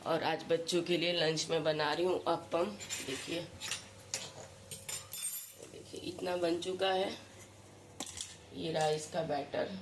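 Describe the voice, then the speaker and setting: A woman with a cold vlogging at home early in the morning, speaking softly and slowly so as not to wake anyone. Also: sits low, steady tone. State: has a cold. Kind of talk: casual home vlog. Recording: noticeable background noise with vehicles.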